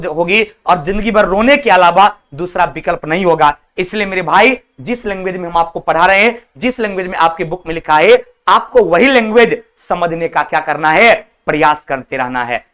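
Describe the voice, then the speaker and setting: A man's voice: high voice, a bit bright, clean tone. A male teacher, lecturing an online exam-prep class in a scolding yet affectionate, colloquial way. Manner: colloquial, repeats words like 'chala' and 'babu'.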